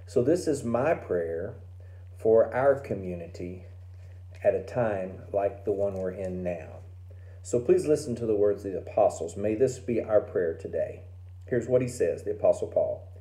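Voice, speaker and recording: A man's voice: fairly low pitch, warm tone, echoey room. A man in his forties, a pastor, reading scripture and praying in an earnest, reverent way, filmed on a phone at home. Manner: earnest, prayerful, slow reverent phrasing. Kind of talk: devotional reading and prayer. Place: home room by a window. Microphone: phone camera at arm's length.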